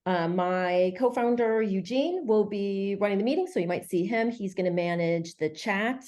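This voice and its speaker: A woman's voice: medium pitch, moderate pace, a little mellow. A woman hosting an online webinar in a chatty, friendly way, with many fillers. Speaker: webinar host.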